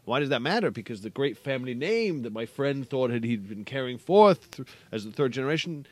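A middle-aged man speaks as a podcast guest, thoughtful and reflective as he tells stories. His voice sits at a middle pitch. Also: animated, fairly quick, darkish tone, no room sound. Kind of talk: podcast interview conversation.

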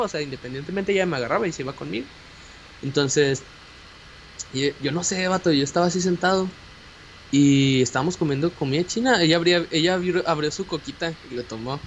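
A young man with a Mexican Spanish accent telling a personal story in casual chat, animated and slangy, with many fillers and restarts. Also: a little high. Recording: dull lo-fi audio with faint hiss.

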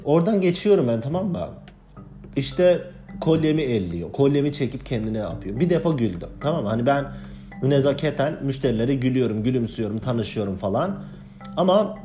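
A man with a warm, mellow voice retells a rough shift at a bar in a casual, agitated way, often rising in indignation. Faint guitar music plays under his voice. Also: mid-range voice. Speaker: bar floor staff telling a story. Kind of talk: casual storytelling vlog.

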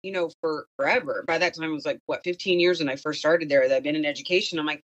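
Lively woman telling stories. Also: sits low, quick pace, highs cut off. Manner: animated storyteller who laughs easily. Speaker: guest, former school principal. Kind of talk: casual conversation.

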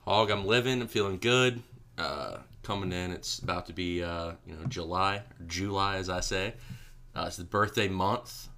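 Low voiced dude co-hosting, easygoing, lots of "man" and "dude". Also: normal speed, pushed and bright, slight background noise. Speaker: podcast co-host. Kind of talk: casual chat.

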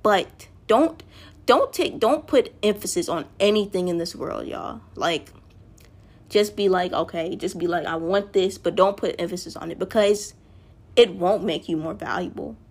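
A woman's voice: on the low side, expressive, moderate pace, husky. A woman talking casually to her listeners in a loose, rambling monologue, often correcting herself mid-sentence and calling out to the audience.

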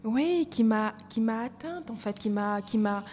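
A woman's voice: on the high side, expressive, unhurried, darkish tone, faint music behind. Reflective woman in a roomy space. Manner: reflective, restarts mid-phrase. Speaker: guest, evaluation coach. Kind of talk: conversational podcast interview. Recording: reverberant room with faint noise.

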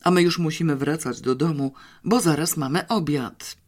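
An audiobook narrator voicing a quick-witted, confident schoolgirl who talks eagerly. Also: mid-range voice, lightly acted. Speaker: child character in an audiobook. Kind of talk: audiobook character reading.

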